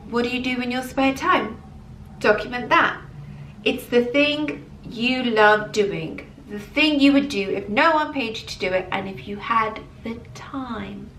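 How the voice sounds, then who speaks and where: A woman's voice: on the high side, unhurried, roomy sound, recorded from a distance, a little hiss or hum. A woman in her early thirties talking casually and emphatically to camera in a motivational vlog, from England. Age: early 30s. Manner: animated, emphatic repetition. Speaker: vlogger. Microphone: camera mic.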